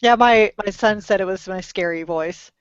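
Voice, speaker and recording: A woman's voice: mid-range voice, moderate pace, clear, resonant tone, no echo. Middle-aged woman, lingering cough, chatty self-mocking storyteller, dry dull podcast sound. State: lingering cough after illness. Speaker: podcast co-host. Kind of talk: casual chat.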